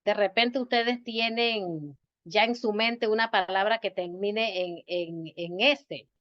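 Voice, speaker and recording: A woman teacher giving an online grammar lesson, speaking slowly and patiently and repeating words to stress their syllables. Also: mid-range voice. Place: home or office on a video call. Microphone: video call. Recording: dull, lo-fi video call audio.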